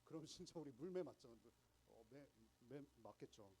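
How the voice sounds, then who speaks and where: A man's voice: mid-range voice, lively intonation, normal speed, mellow, slight background noise, low-quality recording. A young man preaching a sermon to teenagers. He talks in a chatty, explaining way and keeps asking the audience questions. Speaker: youth group preacher.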